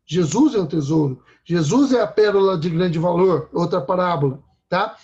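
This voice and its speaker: A man's voice: high voice, normal speed, a little mellow, lo-fi sound. A man preaching a sermon in a conversational way, often checking in with his listeners.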